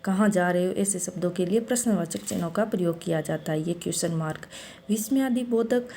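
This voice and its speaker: A woman giving a classroom-style grammar lesson, explaining step by step and slowing down to read out example sentences. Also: fairly low pitch, mellow, a little hiss or hum. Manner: explains step by step, often saying "look". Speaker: teacher.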